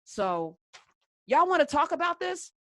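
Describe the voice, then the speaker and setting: A woman's voice: high-pitched, very animated, measured pace, fairly bright tone, dry recording. An American woman hosting a call-in debate, speaking conversationally in an assertive, challenging way with emphatic repetitions. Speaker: call-in show host.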